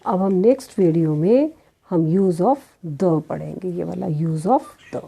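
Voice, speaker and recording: A woman gives a grammar lesson in a slow, unhurried rhythm. Her voice is very dark and soft. She keeps asking her students questions, answers them herself, and spells out sounds one at a time. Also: fairly low pitch, expressive, gravelly, husky. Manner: addresses students as children. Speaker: teacher.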